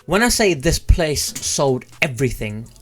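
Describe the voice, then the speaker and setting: A man's voice: on the high side, big pitch swings, unhurried, fairly bright tone. A young British man in his twenties telling stories casually and informally to camera, speaking close into a desk mic. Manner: informal, chatty, mildly sweary. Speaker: vlogger. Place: small room at home, indoors. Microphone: close desk mic with foam cover on a boom arm.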